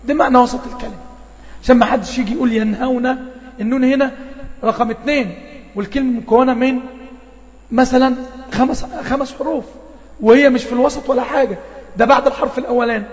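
A man's voice: very high voice, fairly even intonation, quick pace, pauses often. A man with an Egyptian accent teaching Quran recitation rules, patiently repeating points and quizzing his students. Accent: Egyptian Arabic. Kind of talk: online tajweed lesson. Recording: dull lo-fi audio with reverb.

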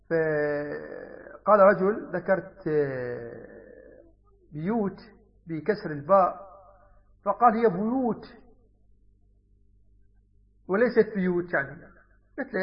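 High-voiced man teaching, lo-fi. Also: big-room sound. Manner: explanatory, repeats key words, mixes dialect with formal Arabic. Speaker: Islamic teacher. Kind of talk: religious lesson explaining hadith. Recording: dull lo-fi recording.

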